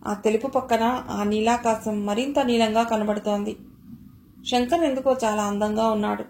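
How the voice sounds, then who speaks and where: Woman narrating an audio novel, fairly high. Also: normal speed, echoey room, a little hiss or hum, low-quality recording. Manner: calm, steady storytelling.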